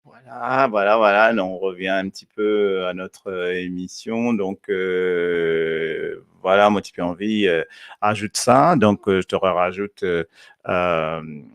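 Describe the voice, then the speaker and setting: A man's voice: low-pitched, takes it slowly, smooth, no echo. A man from Mauritius presenting a radio show in casual chat, hesitant, with many fillers and restarts.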